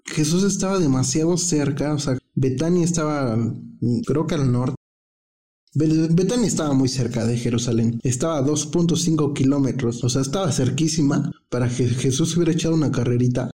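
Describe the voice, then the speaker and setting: A man's voice: medium pitch, moderate pace, dark tone. A man with a Mexican accent preaching a casual, chatty Bible teaching, full of slang, thinking aloud as he goes.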